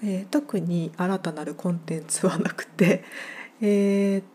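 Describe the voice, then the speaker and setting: A woman's voice: on the low side, fairly even intonation, a little slow, dark tone, slight background noise. A woman hosting her own podcast, explaining things in a casual, chatty way with lots of fillers and restarts. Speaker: podcast host. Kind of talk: casual solo podcast talk.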